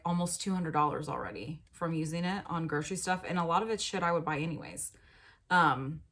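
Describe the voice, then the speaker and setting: Husky, lowish woman, 30s, casual rambling vlogger. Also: a bit bright. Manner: chatty, rambling, self-deprecating, fillers like "like". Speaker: lifestyle vlogger. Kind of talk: casual chatty tips vlog.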